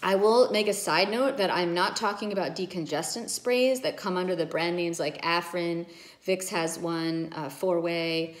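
A middle-aged ENT doctor speaks into a phone camera held at arm's length in a room at home lined with bookshelves. Using a lowish voice at a moderate pace, she explains nose and sinus care earnestly and emphatically, gesturing with her hands.

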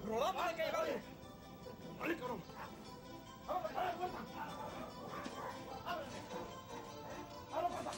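A man's voice: extremely high pitch, a little slow, long pauses. A middle-aged man with a Mexican Spanish accent playing a ruthless, foul-mouthed kidnapper boss who barks orders and threats. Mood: yelling. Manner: barking orders, insulting and threatening. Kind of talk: low-budget film acting. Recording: echoey room with music underneath.

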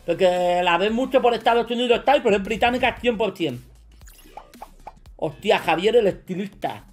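A man with a Spain Spanish accent playing a quiz as a streamer, joking, boasting and breaking into shouts. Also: high voice, expressive, moderate pace, faint music behind. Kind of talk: casual gaming commentary.

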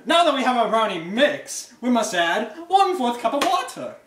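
A young man playing a zany over-the-top TV chef in a spoof cooking show, shouting sing-song exclamations in mock foreign phrases, filmed in a home kitchen on a camera a few steps away. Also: very high voice, big pitch swings, moderate pace, background noise. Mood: manic. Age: young adult. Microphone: phone camera a few steps away. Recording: echoey kitchen, camera from a distance.

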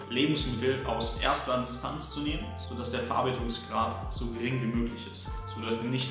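German man coaching in an echoey room. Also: medium pitch. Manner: brisk, structured, poses questions then answers them. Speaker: fitness coach. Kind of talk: direct-to-camera advice video. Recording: very echoey room with music underneath. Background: background music.

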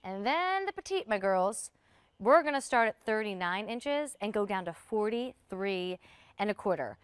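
A woman's voice: mid-range voice, expressive, normal speed, clean tone, no room sound. A woman hosting a live TV shopping show, chatting to viewers in upbeat, friendly sales patter. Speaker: shopping channel host.

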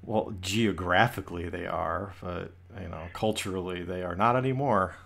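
A man's voice: low voice, moderate pace, creaky, a bit bright. An American man in casual podcast talk, with a dry, wry manner and easy laughter. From United States.

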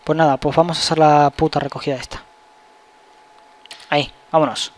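A young man, giving loose, excitable let's-play commentary and swearing at the game. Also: on the high side, moderate pace, faint music behind. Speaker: gaming channel host.

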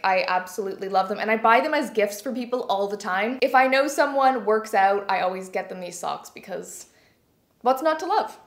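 A young woman in her twenties from Canada, a beauty vlogger, chatting enthusiastically as she shows off her gym gear from a small bright room. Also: medium pitch, echoey room. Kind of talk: casual product show-and-tell. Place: small bright bedroom studio.

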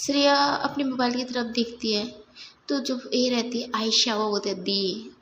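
A woman's voice: on the high side, moderate pace, a bit bright, reverberant, slight background noise. A young woman narrating a love story casually and conversationally to her subscribers, mixing in English words. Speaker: storyteller, channel host.

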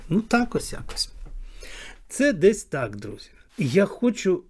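A man talks straight to his viewers in a fairly high voice, commenting with a dry, sarcastic edge. He repeats short phrases to hammer a point home. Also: sing-song, slow pace, a little mellow, husky. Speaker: video blogger. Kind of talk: commentary to camera.

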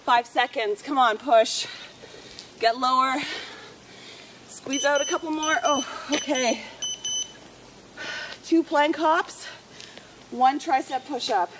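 A young adult woman working as a fitness instructor, urging people on and counting down reps and time while she exercises, breathy from exertion. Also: high voice, slow pace, long pauses, background noise. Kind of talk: workout coaching while exercising. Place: outdoors on a paved clearing among trees.

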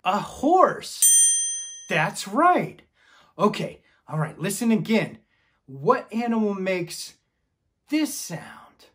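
A man's voice: high voice, sing-song, slow pace, long pauses, fairly bright tone, husky. A man leading children's ministry, telling a Bible story to kids with enthusiasm and calling on them to join in. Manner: enthusiastic, calls for the audience to join in.

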